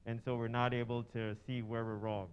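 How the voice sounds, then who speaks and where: A man from Trinidad and Tobago, talking haltingly with many fillers and restarts in a church workshop discussion. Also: medium pitch, little pitch movement, clear, resonant tone, muffled recording. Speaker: workshop participant.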